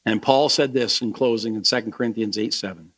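A male pastor giving a lively sermon to his church, then leading a soft closing prayer. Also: lowish voice, brisk. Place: church sanctuary.

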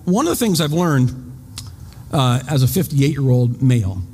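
A man's voice: medium pitch, expressive, moderate pace, a little mellow, husky. Man in his fifties preaching in a reverberant hall. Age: 50s. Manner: conversational, repeats words, self-deprecating asides. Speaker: pastor. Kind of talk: sermon. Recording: long reverb, faint background noise.

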